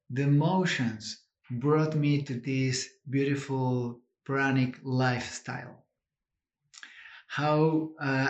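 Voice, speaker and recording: A man from Argentina with an Argentine Spanish accent, a native Spanish speaker, giving an informal personal conference talk in halting, simply phrased English. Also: medium pitch, echoey room.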